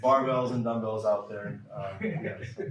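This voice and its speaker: A man's voice: lowish voice, fairly even intonation, moderate pace, fairly bright tone, recorded from a distance, slight background noise. Emphatic male coach lecturing in a roomy hall. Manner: emphatic, repeats key points. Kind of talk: clinic lecture with a Q&A.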